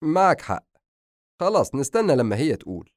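A man voicing a playful, joking young man with an Egyptian accent who speaks in a lively way. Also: a little high, brisk, dry recording, clean studio sound, pitched above the performer's own voice.

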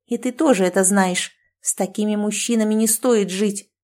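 In an audiobook, a woman who is a language teacher voices a domineering, self-assured female friend who lectures and gives orders sarcastically. The mood is angry. Her mid-range voice is a little mellow, with fairly even intonation, a moderate pace and light acting.

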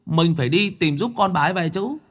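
Man playing a cheeky old ghost, high and quick, chattery, rattles on in a ghost story. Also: expressive. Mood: eager. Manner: quick, chirpy banter.

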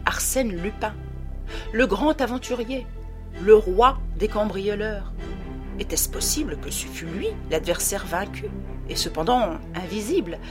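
A woman reading a novel aloud as an audiobook, with expressive storytelling narration. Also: mid-range voice. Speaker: audiobook reader. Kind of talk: scripted narration.

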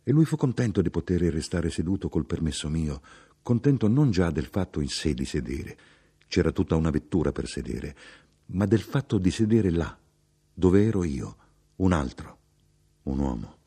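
A man giving a measured, expressive literary audiobook reading. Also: sits low, slightly rough. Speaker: audiobook narrator.

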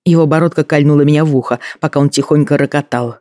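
Male audiobook narrator, measured first-person read, slightly raised pitch, dry close mic. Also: fairly even intonation, a little mellow, dry recording.

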